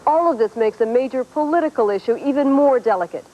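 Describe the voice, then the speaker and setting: A woman's voice: high voice, expressive, quick pace, a crowd in the background. A woman narrating a scripted news report as a foreign correspondent. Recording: slightly dull broadcast audio.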